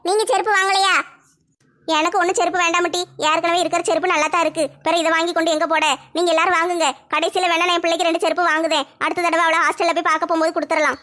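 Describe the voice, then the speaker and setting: Woman, very high voice, bright tone, bickering village comedy skit, dramatic wailing. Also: little pitch movement, very fast. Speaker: skit performer voicing village women.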